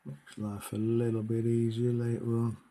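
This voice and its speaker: A man's voice: medium pitch, completely flat delivery, normal speed, warm tone. A man giving a casual miniature painting tutorial, talking hesitantly with many fillers.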